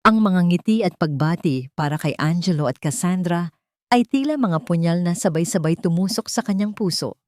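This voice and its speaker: A story narrator with a fairly low voice and darkish tone reads a scripted romantic drama in a measured, solemn manner. The recording is dry, with very little room in it.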